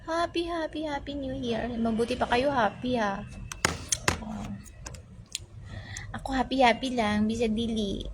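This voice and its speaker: A chatty woman vlogger with a Visayan Filipino accent talks straight to her viewers in a slightly high voice. She teases and scolds commenters in a loose, casual way. Clear background noise runs under her voice. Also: a little slow, long pauses. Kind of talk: casual live chat with viewers.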